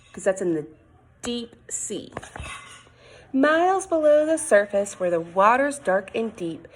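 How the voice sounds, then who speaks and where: Here a teacher, a woman, performs a picture book for little ones with a sing-song lilt, using questions and exclamations to pull them in. She speaks in a mid-range voice with some breathiness, and the recording is rough.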